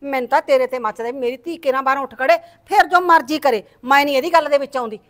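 Brief: actress as a worried, nagging village wife, high voice, fast scolding delivery, short-film drama. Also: female voice, lightly acted. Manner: scolding, rapid and shrill.

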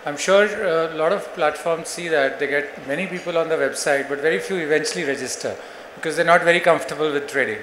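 A man from the audience asking polite, fairly quick questions at a conference. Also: on the high side, a bit bright. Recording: echoey room, faint noise.

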